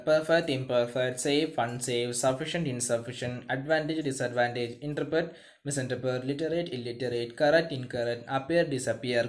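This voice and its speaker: A tuition teacher giving an online class, reading English lines slowly and then explaining quickly while asking and answering their own questions. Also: mid-range voice. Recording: roomy echo.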